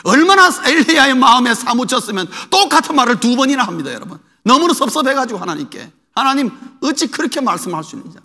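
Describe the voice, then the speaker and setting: A male pastor delivers an emphatic sermon and keeps putting rhetorical questions to his congregation. His voice is very high, bright and forceful, and his pitch moves a lot. Long reverb fills the church hall around him. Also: sing-song, quick pace, hardly any pauses. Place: church sanctuary.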